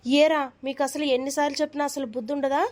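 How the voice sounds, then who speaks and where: A woman's voice: sits high, flat delivery, rapid-fire, lightly acted. A woman voicing a cartoon mother who scolds her son and coaxes her little daughter. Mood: scolding. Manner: scolding then coaxing, motherly. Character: mother of the children, stern but caring. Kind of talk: cartoon voice dubbing.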